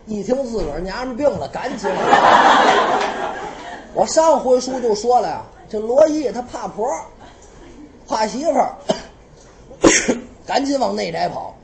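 Woman storyteller, Beijing accent, animated traditional narration, lively pitch. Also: unhurried, long pauses, roomy sound, heavy background noise.

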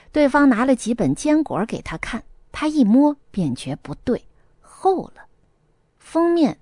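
Lively woman narrating a novel. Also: high-pitched, dry recording, clean studio sound. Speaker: audiobook narrator.

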